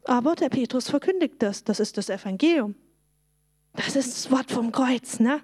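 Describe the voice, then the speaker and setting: A woman, telling a Bible story to children in a lively way and asking them questions. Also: high voice, moderate pace, dry recording, studio quality.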